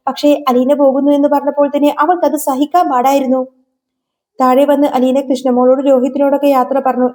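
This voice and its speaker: A woman's voice: high voice, mellow. A woman narrating a serial episode as a dramatic, emotional story retelling.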